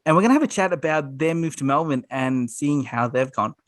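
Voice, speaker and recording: A man's voice: a little high, lively intonation, a little fast, no room sound. Man, host, casual interview, upbeat, dry close mic. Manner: upbeat, short reactions. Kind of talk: casual interview on a video call.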